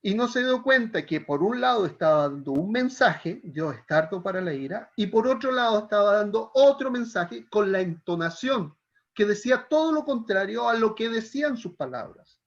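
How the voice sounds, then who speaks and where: A man with a high voice leads a Bible counseling lesson, laying out each point slowly and checking in with the class again and again. The recording is dull and lo-fi, as from a classroom. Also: lively intonation. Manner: explains step by step, asks the class "¿ya?" often. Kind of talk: classroom lecture.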